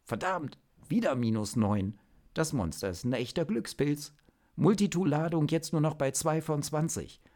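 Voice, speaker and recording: Jumpy young hero, voiced by a male reader; high, hurried, alarmed, for a storybook. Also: lively intonation, darkish tone, natural voice. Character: excitable young man, hasty and alarmed.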